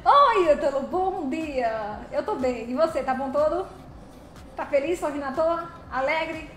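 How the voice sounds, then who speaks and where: Giggly high-voiced woman streamer. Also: expressive, unhurried, faint music behind. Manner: giggly, can't stay serious. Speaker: live streamer. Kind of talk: casual chat with stream viewers while gaming. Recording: roomy echo, loud vehicle game noise.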